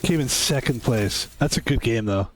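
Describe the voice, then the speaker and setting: This fifties-aged man talks at a normal speed in a medium-pitched voice over slight background noise. He's streaming a game and chatting loosely, wandering off topic, musing and fixing his own statements as he goes.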